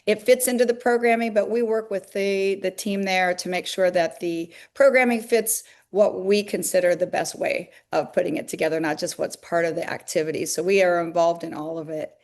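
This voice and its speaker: A woman's voice: lowish voice, steady tone, moderate pace, hardly any pauses, darkish tone. A woman, a longtime fitness business owner, explaining her company at length in an interview, with many fillers. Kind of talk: interview answers.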